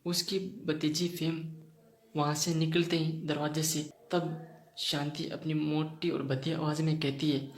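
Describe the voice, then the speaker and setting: A man retells a story casually, pausing often and filling gaps. His voice sits a little high and stays flat, and the recording has a roomy echo. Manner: plain retelling with frequent pauses and fillers. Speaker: channel host, narrator. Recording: roomy echoey room.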